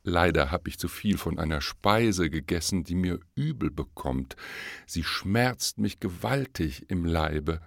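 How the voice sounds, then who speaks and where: A man voicing a cunning, courteous male fox in an audiobook fable, smoothly flattering and scheming. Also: deep voice, a little slow, no echo, clean studio sound, exaggerated voice. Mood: sly. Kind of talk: audiobook reading of a verse fable.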